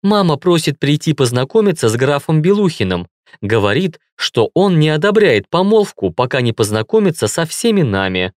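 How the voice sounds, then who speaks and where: Young wife, worried, quips to hide it; male narrator lifts pitch, dry close read. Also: very animated, no echo. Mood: earnest. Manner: teasing, brisk. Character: young woman, worried yet joking wife. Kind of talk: audiobook dialogue.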